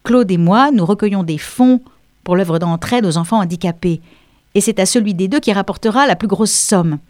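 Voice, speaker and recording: A woman's voice: mid-range voice, normal speed, a little mellow, no echo, clean studio sound, lightly acted. A woman voicing a precocious, self-assured English schoolgirl who speaks in a prim, articulate way, in an audiobook reading.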